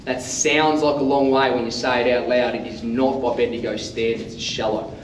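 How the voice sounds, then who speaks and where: An Australian man guiding a group tour in a loud, projecting teacher voice, with informal, jokey patter. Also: medium pitch, flat delivery, moderate pace, distant mic. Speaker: underground mine tour guide. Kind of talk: guided tour talk to a group. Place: underground mine tunnel. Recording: echoey underground space, off mic, faint noise.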